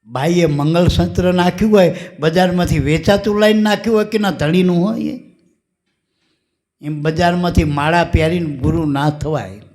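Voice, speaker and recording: A man's voice: sits high, moderate pace, darkish tone. Man giving a folksy devotional discourse. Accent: Gujarati. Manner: folksy, storytelling, addresses listeners as "my dear". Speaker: spiritual teacher.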